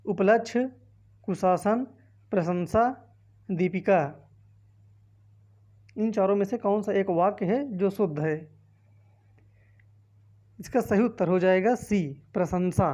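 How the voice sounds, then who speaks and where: A mellow, medium-pitched woman's voice with the highs cut off. An exam-prep teacher with a north Indian Hindi accent, she walks through a quiz lesson, reading each multiple-choice option in turn and explaining it.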